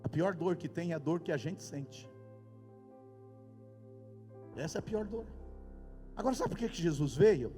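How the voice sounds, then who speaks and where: A pastor with a Brazilian Portuguese accent, preaching emphatically in a church hall with sudden loud outbursts. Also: male voice, fairly high pitch, expressive, measured pace, pauses often. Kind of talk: sermon. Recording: reverberant hall with faint music. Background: faint music.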